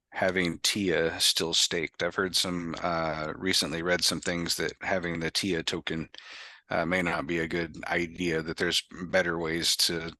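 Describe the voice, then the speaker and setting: A man's voice: sits low, pushed and bright, no echo. A man hosting a casual group video call, talking in a rambling way with many fillers and restarts. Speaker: host.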